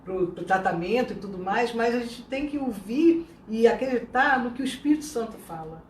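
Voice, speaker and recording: A Brazilian woman pastor hosts the chat in a slightly high voice, encouraging and affirming as she moves into a preaching tone with many tag questions. Her voice sounds roomy and away from the mic. A faint noise sits under it. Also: expressive, normal speed, a little mellow, distant mic. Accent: Brazilian Portuguese. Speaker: pastor, host.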